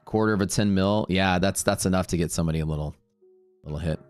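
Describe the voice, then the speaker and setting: Casual male stream host, very low voice, chatty and digressive, soft music bed. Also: fast. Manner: rambling, talkative, laughs often. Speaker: live trading stream host. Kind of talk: casual live-stream chat.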